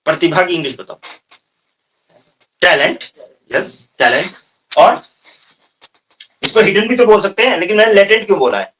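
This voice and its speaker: A man in his thirties with a Hindi accent teaches English vocabulary in a classroom, firing questions and repeating his students' answers. His voice sits high and a bit bright, with big pitch swings, a moderate pace, and frequent pauses. It is recorded from a distance with slight background noise.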